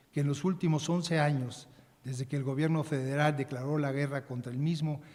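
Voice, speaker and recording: A man giving a measured, formal prepared speech as a panelist, with occasional restarts. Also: fairly high pitch, a little mellow. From Mexico. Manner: measured, reading a prepared text, some restarts. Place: large conference hall. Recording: conference hall with long reverb.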